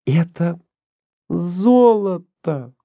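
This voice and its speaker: An eager, stubborn young woman who talks with excitement and insistence, as a male reader puts her on. The voice is raised well above his own and swings widely. It is a dry, close storybook reading. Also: mid-range voice, moderate pace, no echo.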